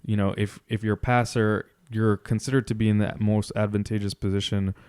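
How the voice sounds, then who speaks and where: A man co-hosting a podcast gives casual sports recap commentary, explaining in a measured way and repeating phrases. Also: on the low side, flat delivery, darkish tone, smooth. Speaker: podcast co-host.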